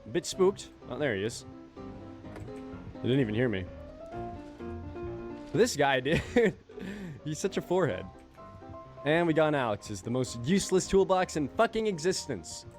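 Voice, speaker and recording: A man's voice: fairly high pitch, sing-song, moderate pace, long pauses, faint music behind. A young man giving crude, self-mocking commentary over a video game while losing his voice. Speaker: gaming YouTuber. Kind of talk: casual gameplay commentary.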